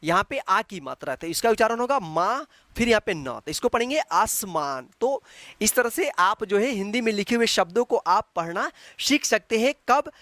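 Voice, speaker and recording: A woman's voice: medium pitch, animated, dry recording. Patient woman teaching the Hindi alphabet. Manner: patient, repetitive, checks with frequent "ठीक है"; chants syllables loudly and slowly. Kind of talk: online alphabet lesson.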